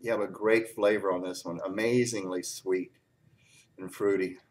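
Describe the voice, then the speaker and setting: A man's voice: low-pitched, fairly even intonation. Man reviewing a hot pepper, teary. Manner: halting, filler-heavy, clearing his throat. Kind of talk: casual tasting review.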